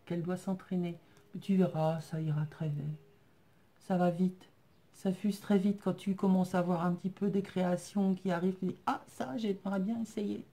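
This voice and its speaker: A woman vlogger chatting casually as she shows off crafts she was sent, thanking viewers warmly and hesitating often as she describes each piece. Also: fairly low pitch. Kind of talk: casual chat unboxing craft mail.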